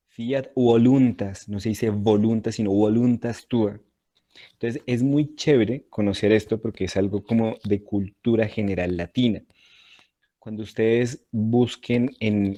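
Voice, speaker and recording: A man's voice: on the low side, mellow. A man teaching an online Latin class, explaining patiently and checking in with his students.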